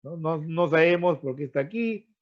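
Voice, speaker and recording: A man's voice: on the high side, lively intonation, normal speed. A man with a Peruvian Spanish accent teaching an online pre-university grammar class, explaining with frequent tag questions and repetitions and fondly addressing his students as freshmen. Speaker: language teacher. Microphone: video call. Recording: dull lo-fi online-class audio.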